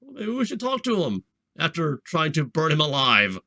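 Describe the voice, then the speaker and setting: A man with a slightly high, forceful voice plays through a fantasy text game. He moves between dramatic reading and loose banter, with very animated intonation. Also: normal speed, no room sound. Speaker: game player narrating. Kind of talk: casual chat and dramatic game narration.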